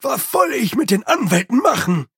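A man voicing a grumbling, hunched male manservant who speaks in loud, emphatic bursts. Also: very high-pitched, very animated, normal speed, slightly rough, no echo, clean studio sound, pitched above the performer's own voice, exaggerated voice. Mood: gruff.

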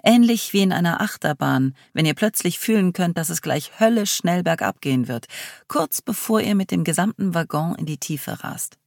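A narrator reading a first-person story in a measured, expressive way. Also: mid-range voice, vocal fry, no room sound, clean studio sound.

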